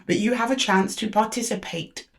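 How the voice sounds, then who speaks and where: A woman with a croaky voice hosting a casual tarot reading, chatty and speaking familiarly to her listeners. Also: fairly high pitch, moderate pace. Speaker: tarot reader and channel host.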